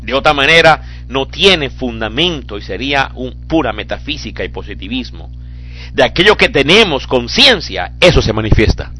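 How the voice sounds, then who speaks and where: Man preaching a sermon, really expressive swoopy voice, gets fired up, soft music under it. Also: mid-range voice, moderate pace, husky. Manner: impassioned, rising into fervent cries. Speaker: pastor.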